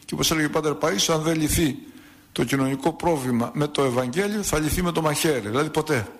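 A priest giving a sermon, telling a saint's story and acting out its dialogue, with rhetorical questions. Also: male voice, fairly high pitch.

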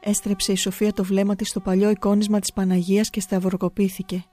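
A woman narrating a story in audiobook style, solemn and measured. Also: mid-range voice, little pitch movement, dark tone, faint music behind.

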